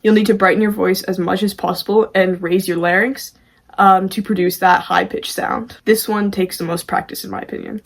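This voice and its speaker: Female amateur vocalist as tutorial host: informal, self-deprecating, medium-pitched, conversational delivery. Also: fairly even intonation, normal speed, gravelly. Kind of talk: casual video tutorial.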